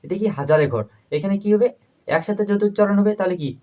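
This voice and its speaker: Man slowly repeating numbers in a lesson. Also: high-pitched, mellow, highs cut off. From Bangladesh. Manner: asks and answers his own questions, repeats numbers slowly. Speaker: math teacher. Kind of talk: step-by-step math lesson.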